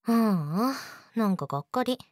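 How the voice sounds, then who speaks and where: Woman acting a sweet, eerily obsessive girlfriend, lively pitch. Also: a little slow, no room sound, clean studio sound, close to an everyday voice. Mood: jealous, reproachful. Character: sweet, possessive, jealous young yandere girlfriend. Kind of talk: Japanese situation voice audio drama, addressed to the listener.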